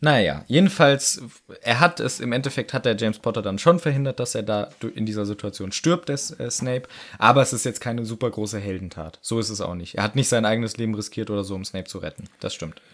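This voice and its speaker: A man's voice: fairly low pitch, fast, hardly any pauses. A man co-hosting a casual podcast, joking, laughing often and acting out quotes. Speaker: podcast co-host. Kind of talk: casual book discussion.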